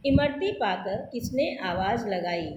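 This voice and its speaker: A woman's voice: mid-range voice, expressive, measured pace, a little mellow, roomy sound, highs cut off, a little hiss or hum. A woman teaching a spelling lesson to young children, sounding out each word letter by letter and drawing the sounds out. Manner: spells words letter by letter, drawn out. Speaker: primary school Hindi teacher.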